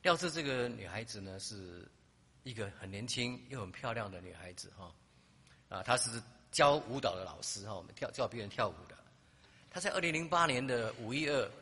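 A man's voice: mid-range voice, pushed and bright, breathy edge, long reverb tail. A man preaching a sermon, telling a story and often ending his phrases with a tag word "ha". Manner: frequent "ha" tag at ends of phrases; retells scenes with acted-out quotes.

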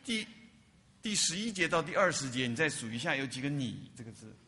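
A man's voice: medium pitch, sing-song, a little fast, sharp tone, long reverb tail. A man preaching a sermon as a pastor, often asking the congregation questions and repeating words for emphasis.

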